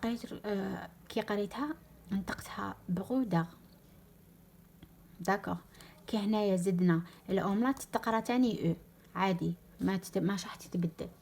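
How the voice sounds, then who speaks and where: A young woman with an Algerian Arabic accent teaching a German lesson, repeating example words slowly and dropping French words into her explanations. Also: mid-range voice, creaky, darkish tone, a little hiss or hum. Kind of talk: online language lesson.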